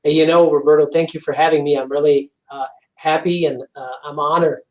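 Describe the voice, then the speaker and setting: An earnest, intense chiropractor from Montreal, Canada, whose first language is French, is a guest on a video-call interview, speaking with a flat delivery and lots of "you know" fillers. His voice is on the high side and brisk, and the audio is poor.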